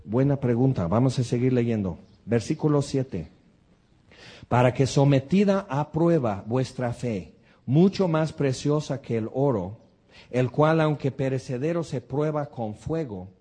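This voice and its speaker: A man preaching a sermon, earnest and animated, full of rhetorical questions. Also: medium pitch, measured pace, breathy edge.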